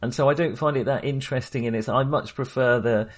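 Speaking quickly in a steady, mid-range voice, a British man co-hosts a casual film podcast. His talk is rambling and hesitant, often stopping to interrupt himself.

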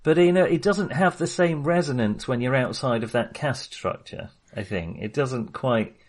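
A male film podcast co-host with a medium-pitched voice speaks at a moderate pace. He discusses films casually and analytically, thinking aloud in an informal, chatty way.

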